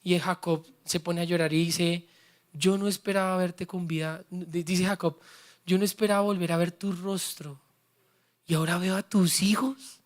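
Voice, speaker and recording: His voice sits high with fairly even intonation at normal speed as he preaches a sermon. The pastor gets the congregation to echo his words and recounts his own experiences fervently and from the heart.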